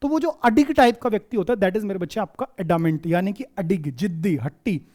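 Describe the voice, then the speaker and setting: A man's voice: high voice, a little fast, dark tone. A man hosting a vocabulary lesson for exam students, fondly calling them "my child" and "dear", mixing English words into his explanations and repeating quiz questions back. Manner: mixes English words into Hindi teaching. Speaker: vocabulary teacher and show host.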